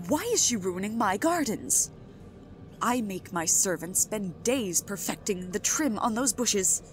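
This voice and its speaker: A woman voicing a possessive, imperious queen with regal, deliberate speech in an audio roleplay drama. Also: medium pitch, expressive, faint music behind, natural voice. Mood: haughty, annoyed.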